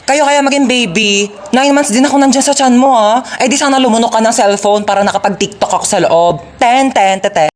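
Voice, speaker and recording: A woman's voice: on the high side, a little fast. A woman narrating and acting out comedic storytime skits in a playful, teasing way, with music playing behind.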